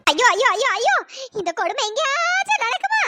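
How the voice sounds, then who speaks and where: A shrill scolding old mother-in-law. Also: big pitch swings, a little fast, over music. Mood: furious scolding. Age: older. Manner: shrieking, cursing, scolding. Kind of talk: cartoon voice acting.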